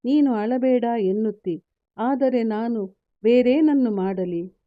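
A woman's voice: on the high side, slow pace, no echo, highs cut off. A woman voicing a grieving mother princess from an epic, lamenting and asking pained questions. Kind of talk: storytelling narration.

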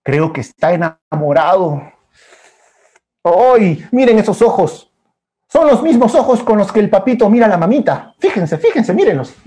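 A man telling a story to children in a bouncy, animated way. He acts out each emotion with sighs and exclamations. His voice has a mellow, warm tone. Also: high-pitched, moderate pace. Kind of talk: lively storytelling for kids.

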